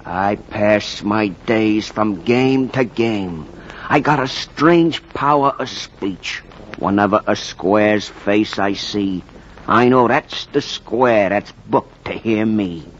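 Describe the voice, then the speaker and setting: Sammy the Whammy, slow ancient Brooklyn fanatic. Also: male voice, fairly low pitch. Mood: eerie, boastful. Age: older. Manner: theatrical, drawn-out, streetwise bluster. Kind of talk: 1940s radio acting in rhymed verse. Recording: muffled, hissy 1940s radio recording.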